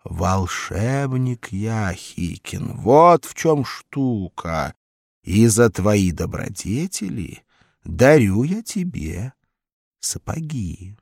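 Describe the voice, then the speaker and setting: A man's voice: lowish voice, big pitch swings, drawn-out words, vocal fry, a little mellow, no echo, studio quality, full character voice. A man doing a sly, coaxing stranger-wizard. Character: sly male stranger who claims to be a wizard.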